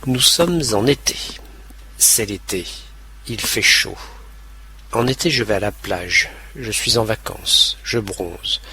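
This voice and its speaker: A man reading scripted narration for language learners, slow and clearly enunciated. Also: fairly low pitch, sharp tone.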